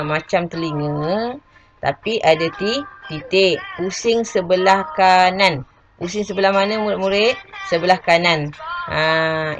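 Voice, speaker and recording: A woman's voice: lowish voice, rough recording. A woman teacher with a Malaysian Malay accent giving an online classroom lesson, patiently repeating key points and asking her pupils questions. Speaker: religious schoolteacher.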